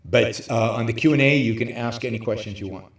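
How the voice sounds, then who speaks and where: A man hosting a livestream, lecturing emphatically from a hotel room with very high ceilings, his voice carrying a hollow cave-like echo. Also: brisk, slight background noise. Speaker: show host. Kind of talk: livestream talk on philosophy.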